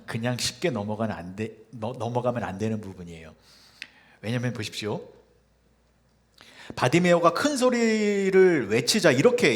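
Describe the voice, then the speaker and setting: A Korean pastor preaching a Sunday sermon, swinging from hushed, almost whispered lines to loud, fervent cries. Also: male voice, medium pitch. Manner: swings from hushed to shouted cries when quoting scripture. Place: church sanctuary.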